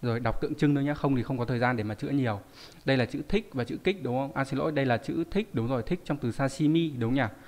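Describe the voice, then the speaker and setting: A man's voice: medium pitch, fast talker, darkish tone. A man teaching a live online lesson, reading out viewer names and explaining word readings with frequent rhetorical questions. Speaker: Japanese teacher.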